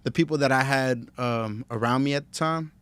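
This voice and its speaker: A man in his late twenties from New Jersey chats as a podcast guest, relaxed and friendly, often breaking into laughter. His voice has an everyday middle pitch. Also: moderate pace, clear, resonant tone. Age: 20s. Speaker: podcast guest, tattoo artist. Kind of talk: casual chat.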